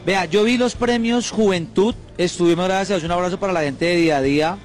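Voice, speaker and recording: High-voiced energetic Colombian radio host man. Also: fast talker, soft background music. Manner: energetic, chatty and joking. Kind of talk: morning radio banter.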